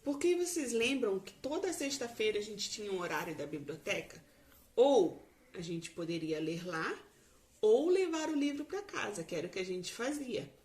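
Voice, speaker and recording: A Brazilian woman teacher explaining a lesson slowly to young children in a recorded remote class. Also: mid-range voice, animated, a little mellow. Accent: Brazilian Portuguese.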